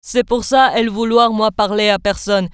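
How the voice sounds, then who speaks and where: A woman doing a halting immigrant makeup artist. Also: medium pitch, steady tone, clean tone, no room sound, studio quality, lightly acted. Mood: confiding. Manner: slow, halting, broken phrasing. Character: immigrant makeup artist speaking broken French.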